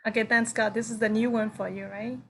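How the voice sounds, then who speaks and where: A woman teaching informally, explaining haltingly and often checking with the listener. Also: a little high, level tone. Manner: halting explanations with checking "right?" and "you know". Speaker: English teacher. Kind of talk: informal class discussion. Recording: clear background noise.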